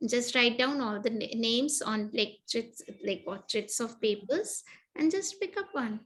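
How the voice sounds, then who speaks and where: A woman, leading a guided clearing session and repeating set phrases that trail off into murmurs. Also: fairly high pitch, animated, unhurried, a bit bright, rough recording.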